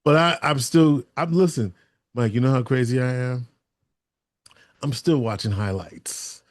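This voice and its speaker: A man's voice: mid-range voice, no echo, studio quality. A man co-hosting a casual podcast chat. He tells stories with eager enthusiasm and laughs easily. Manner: enthusiastic, storytelling, quick laughs. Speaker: co-host.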